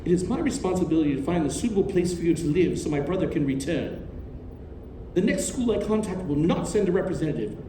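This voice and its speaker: Man playing a genteel doctor, high mellow voice. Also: lively intonation, fast, close to an everyday voice. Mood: stern. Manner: formal, courteous, authoritative. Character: genteel, controlling doctor, uncle to orphan girl. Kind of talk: stage play acting. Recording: distant, roomy stage recording, faint noise.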